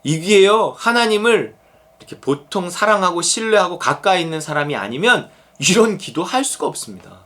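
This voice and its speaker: Middle-aged male pastor, high and very expressive delivery, casual, conversational preaching. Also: normal speed. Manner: animated, conversational preaching with acted-out quotes. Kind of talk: sermon.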